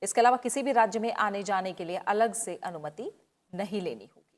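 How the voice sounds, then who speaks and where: A woman news anchor reading headlines in a steady, measured delivery. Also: medium pitch.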